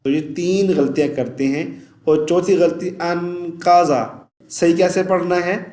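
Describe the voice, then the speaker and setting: A man with a Pakistani Urdu accent and a high, light voice teaches Quran recitation, explaining pronunciation errors in plain speech. He then chants the verses slowly, stretching each sound. The room around him is echoey and roomy. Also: fairly even intonation, a little mellow. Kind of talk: recitation lesson.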